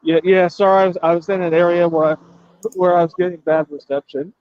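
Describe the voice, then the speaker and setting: Man, on a video call, high voice, halting, muffled lo-fi sound, dry and close. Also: fairly even intonation, a little mellow, smooth, dry recording. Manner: halting, restarts often. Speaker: call-in guest. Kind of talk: casual chat. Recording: dull, dry call audio.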